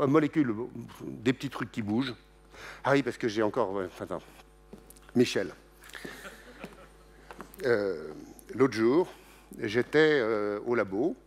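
A middle-aged man giving a public science lecture, joking and lively, with many restarts and asides. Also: medium pitch. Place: lecture hall.

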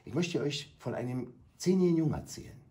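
A middle-aged man tells his stories with a stage speaker's force, loud and dramatic, acting out each scene. His voice sits a little high for a man. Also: expressive, quick pace. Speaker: anti-bullying speaker visiting schools. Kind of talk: emphatic storytelling in a radio talk.

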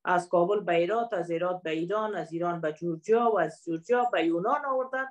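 Fast-talking woman speaker. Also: lowish voice. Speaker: panel speaker. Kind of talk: online panel remarks.

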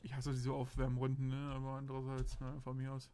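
A man's voice: medium pitch, monotone, fairly quick, mellow, faint music behind. A young man from Berlin giving rambling, crude, casual commentary while playing a shooter game. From Berlin, Germany. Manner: rambling, crude, self-justifying chatter. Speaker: let's play commentator.

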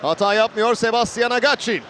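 A man giving live football play-by-play in an excitable way, with clipped phrases and drawn-out names. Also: very high-pitched. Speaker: football match commentator. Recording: roaring stadium crowd noise behind voice. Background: stadium crowd ambience.

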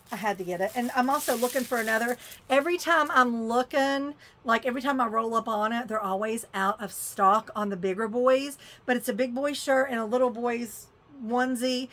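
With a fairly bright, high-leaning voice, this woman talks through a shopping haul on camera, exclaiming and muttering while she opens and handles things. There's a little hiss or hum in the recording.

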